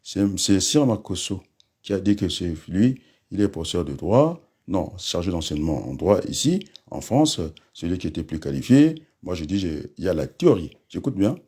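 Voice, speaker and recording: Combative deep-voiced man ranting. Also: big pitch swings, moderate pace, warm tone, husky. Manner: combative, addresses listeners directly with asides. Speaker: political commentator. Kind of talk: animated political rant.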